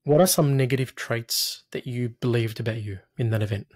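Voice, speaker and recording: A man in his thirties with a medium-pitched voice, recorded dry. He guides a client as a therapist, asking patient questions and offering steady reassurance. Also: a little fast, no echo. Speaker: hypnotherapist, coach. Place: small room, video call.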